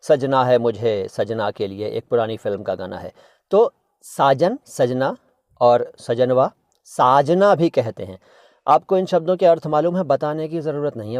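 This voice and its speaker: A man with an Indian Hindustani accent runs a relaxed video lesson on vocabulary. He playfully repeats words to correct how people say them, slipping in snatches of old songs. The sound is close and dry. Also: a little high, dry recording, highs cut off. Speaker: language teacher and channel host. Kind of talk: casual video lesson on Hindi and Urdu words.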